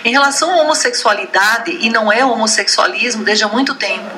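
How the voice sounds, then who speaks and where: Bright-voiced gaúcha woman explaining. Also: on the high side, slight background noise, low-quality recording. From Rio Grande do Sul, Brazil. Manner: measured, lecturing, frequent tag questions. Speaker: invited expert on a radio debate. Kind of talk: explanatory debate speech. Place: radio studio.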